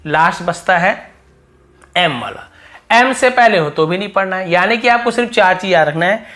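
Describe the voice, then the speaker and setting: A man's voice: sits high, lively intonation, normal speed, pushed and bright. A man teaching English pronunciation, repeating example words and answering his own questions. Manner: repetitive, drills words aloud, asks and answers own questions. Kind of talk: spoken English lesson on silent letters.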